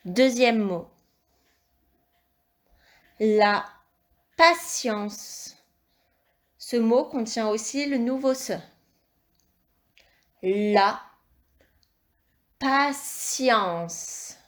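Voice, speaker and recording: Slow, clear-speaking teacher woman. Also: a little high. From France. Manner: slow, clear, articulated dictation with encouraging instructions. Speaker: primary school teacher. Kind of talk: video lesson dictation for young children.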